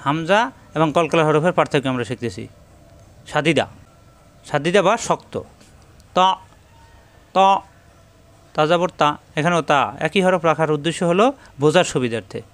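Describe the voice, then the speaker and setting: A man teaching Quran recitation, patiently explaining the rules and repeating syllables slowly and emphatically so students can copy them. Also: on the high side. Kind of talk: tajweed lesson, modeling pronunciation.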